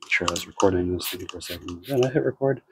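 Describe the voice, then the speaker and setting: An American man giving a casual, unscripted product demonstration in a low-key way, thinking aloud as he works. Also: rapid-fire, slight background noise. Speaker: car care product reviewer.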